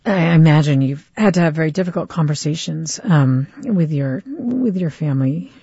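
A woman's voice: deep voice, expressive, moderate pace, mellow, breathy edge, dry recording, lo-fi sound. A woman hosting a news interview, asking short, direct questions. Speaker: host.

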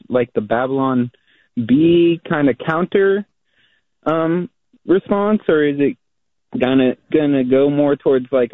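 A man's voice: mid-range voice, no echo. A young man calling in to a radio show, hesitant and full of "like" and "kinda". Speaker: caller. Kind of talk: radio call-in. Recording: tinny phone line.

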